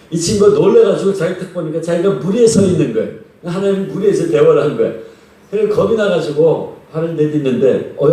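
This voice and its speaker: A male pastor preaching to his congregation and telling stories in a relaxed, conversational way, often turning to them with questions. His mellow, somewhat high voice rings around a big church sanctuary, picked up by a mic some distance away. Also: very echoey. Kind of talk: revival sermon with storytelling.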